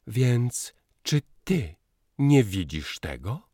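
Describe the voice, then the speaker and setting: A man's voice: lowish voice, big pitch swings, takes it slowly, mellow, no echo, studio quality, voice pushed up, exaggerated voice. A man voicing a young newlywed woman who speaks in a cool, firm, clipped way. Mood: cold. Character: young bride, cool and stiffly dutiful.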